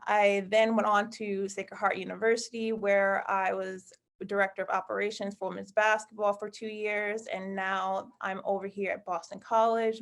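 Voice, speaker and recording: A woman in her thirties from Connecticut, speaking as a guest on a panel, friendly and rambling, with many fillers and self-corrections. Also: mid-range voice. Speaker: guest speaker, college basketball staff. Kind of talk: casual panel talk on a video call.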